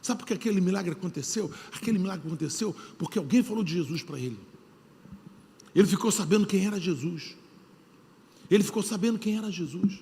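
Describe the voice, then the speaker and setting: High-pitched Brazilian pastor preaching with gravelly voice. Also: male voice, expressive, quick pace, slight background noise. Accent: Brazilian Portuguese. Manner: repeats phrases for emphasis, swings between shouting and hushed. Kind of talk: sermon. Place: large church hall. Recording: long hall reverb.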